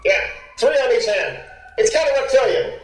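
A man's voice: very high voice, sing-song, normal speed, echoey room, faint music behind, low-quality recording. A man playing a stammering, nervous male agent in a comedic audio drama. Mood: flustered.

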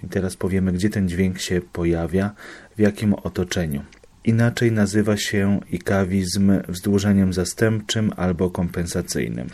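Low, mellow-voiced man explaining. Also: normal speed. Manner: explains patiently with examples and reassurance. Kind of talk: study explainer.

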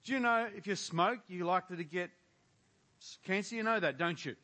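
An older male pastor leads a prayer and preaches to his congregation, addressing them directly and posing rhetorical questions. His voice is high, pushed and bright, moving fairly quickly, with frequent fillers and restarts.

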